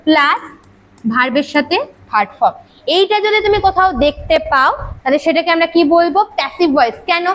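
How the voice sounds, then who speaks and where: A woman teacher, lecturing a classroom on grammar. She keeps quizzing her students with rhetorical questions and scolds them briskly. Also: very high-pitched, a bit bright, poor audio.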